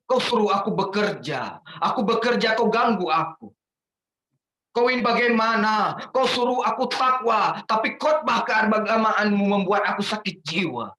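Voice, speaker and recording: A man reciting a protest poem dramatically, rising to shouts on the refrains. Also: sits high, lively intonation, normal speed. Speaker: guest poetry reader. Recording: echoey room with faint noise.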